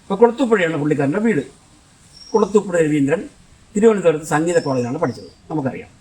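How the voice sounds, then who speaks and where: An older man with a Kollam Malayalam accent rattles through his memories at a quick clip, his voice sitting somewhat high for a man. He rambles and restarts mid-sentence. The mic is some distance away, so he sounds a little removed. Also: expressive, a little mellow. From Kollam, Kerala, India. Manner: rambling, conversational, with frequent restarts. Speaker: film director. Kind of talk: reminiscing storytelling.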